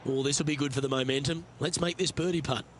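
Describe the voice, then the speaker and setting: A man giving golf play-by-play commentary in short, measured, approving calls. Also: fairly high pitch, fairly even intonation, fairly bright tone. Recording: outdoor crowd and ambience noise behind.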